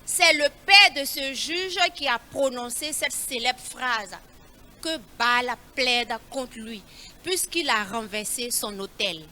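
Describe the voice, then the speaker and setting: Bright, sharp-voiced woman hosting a children's Bible quiz; slow, repeated clues; faint background noise. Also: a little high, expressive. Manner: slow, repeats each clue, coaxing.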